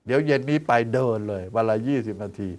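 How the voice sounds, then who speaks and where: A doctor in his sixties hosts a health show, talking fast in a lowish voice. He's folksy and chatty, full of lively asides and teasing rhetorical questions for his listeners, and he counts exercise steps out loud.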